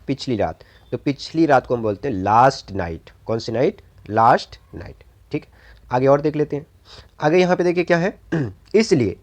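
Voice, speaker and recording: A man with a Hindi accent gives an English vocabulary lesson in a slightly higher voice. He repeats each word and keeps asking and answering his own questions. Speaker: English teacher.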